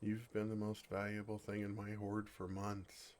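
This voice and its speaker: Voicing a shy, earnest dragon in love for an ASMR fantasy roleplay, a man speaks tenderly, pausing in hesitant, awkward ways. His tone is on the low side and darkish, the delivery completely flat and only lightly acted.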